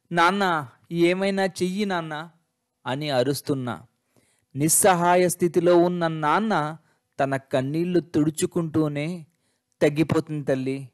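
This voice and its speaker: A man reading a first-person story aloud in a measured, emotional storytelling manner. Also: mid-range voice.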